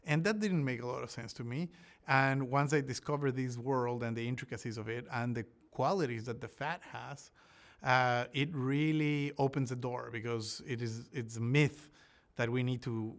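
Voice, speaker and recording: Man from Ecuador, smooth voice, halting. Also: mid-range voice, fairly even intonation. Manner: thoughtful, many restarts and fillers. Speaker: olive researcher. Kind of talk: interview answers.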